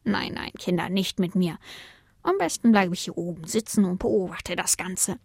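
A woman voicing a suspicious tomcat in a storybook, muttering his thoughts quietly to himself. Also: on the low side, normal speed, vocal fry, slightly rough, dry recording, clean studio sound. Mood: wary.

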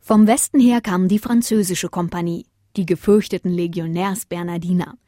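A woman narrating a children's storybook in a calm, even way. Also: lowish voice, normal speed, dry recording, studio quality. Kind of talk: storybook reading.

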